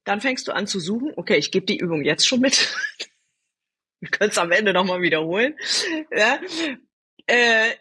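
A woman guest in a podcast interview, telling personal stories in a lively way, answering her own rhetorical questions and speaking straight to the listener. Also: mid-range voice, measured pace, long pauses, breathy edge. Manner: addresses the listener directly. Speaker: storytelling guest.

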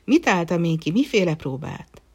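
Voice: medium pitch, big pitch swings, creaky, husky, full character voice. A storyteller voicing a lovesick, stubborn young prince who speaks earnestly, in a fairy-tale reading.

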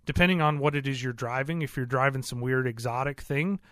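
A man's voice: mid-range voice, fairly quick, fairly bright tone, dry recording, studio quality. A man who owns an auto repair shop, talking in an earnest, plain-spoken and rambling way, with many fillers. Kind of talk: casual interview talk.

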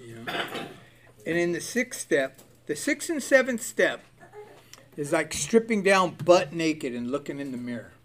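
Older man, recovery testimony, blunt and profane, laughs often, slightly high voice. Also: big pitch swings, measured pace, pauses often, fairly bright tone. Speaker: recovery speaker. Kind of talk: candid personal testimony.

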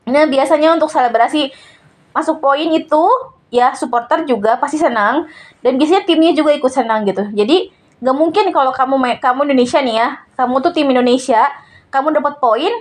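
A woman's voice: high-pitched, brisk. A young woman hosting a casual solo podcast, chatting in a rambling way with many fillers and self-corrections. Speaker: podcast host.

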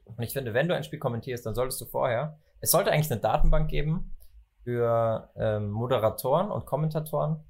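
A young man from Germany hosting a casual football chat, opinionated and animated when he makes a point. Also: medium pitch, brisk, vocal fry. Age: young adult. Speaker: podcast host.

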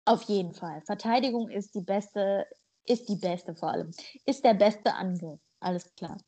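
Speaking at a moderate pace in a mellow, mid-range voice with a breathy edge, a woman born in Germany co-hosts a podcast. Her casual talk is blunt and playful, and she spins jokes out at length.

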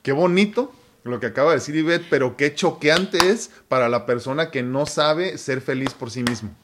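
A man's voice: fairly high pitch, moderate pace, noisy background. A man co-hosting a casual live stream, joking and laughing often as he talks. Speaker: co-host.

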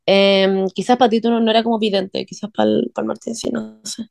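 A woman's voice: mid-range voice, little pitch movement, gravelly, darkish tone, no echo. A young woman reading a story aloud to friends in a casual chat. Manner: quick reader, casual asides.

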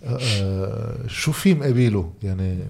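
A man's voice: on the low side, measured pace, creaky, background noise. A man with a Lebanese Arabic accent interviewing in a casual, conversational way with loose phrasing.

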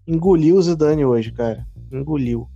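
A man's voice: fairly high pitch, normal speed, gravelly, dark tone, soft background music. A Brazilian man co-hosting a casual football podcast, joking and slangy, heard over a muffled call line. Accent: Brazilian Portuguese. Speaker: podcast co-host. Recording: dull lo-fi call audio.

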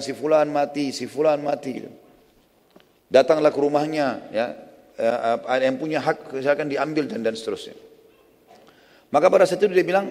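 Guy preaching, tells the story acting out the lines, long echo like a big hall. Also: medium pitch. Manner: storytelling with acted quotes, switches loud and soft. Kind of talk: Islamic history lecture. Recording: reverberant hall.

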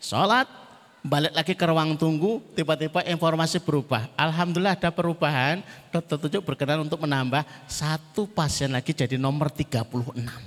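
Male preacher, Javanese accent, animated storyteller, slightly high voice, long hall reverb. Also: a little fast. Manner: lively storytelling with acted quotes, mixing in Javanese. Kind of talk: humorous sermon.

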